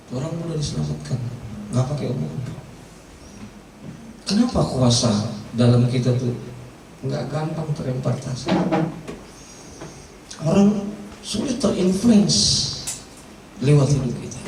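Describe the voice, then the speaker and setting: A man preaching a sermon as pastor, telling stories in casual slang with sudden jumps in pitch. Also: a little hiss or hum. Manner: lively storytelling, casual slang, wide pitch swings. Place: church hall. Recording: echoey church from far off.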